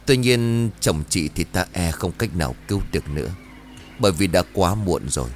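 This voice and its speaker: Man playing a stern old exorcist guy, deep and solemn, spooky audiobook. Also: lively intonation, faint music behind. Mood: grave. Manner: slow, low and solemn. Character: grave old male exorcist master.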